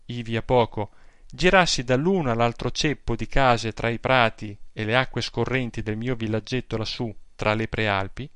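A man reading a literary story aloud in a measured, reflective manner. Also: medium pitch, a bit bright, no echo, studio quality. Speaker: audiobook narrator.

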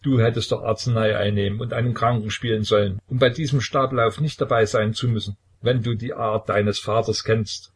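A man voicing a pious older aunt of the royal family who urges and consoles with earnest firmness, in a husky voice. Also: fairly low pitch, fairly even intonation, a little fast, hardly any pauses. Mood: urging.

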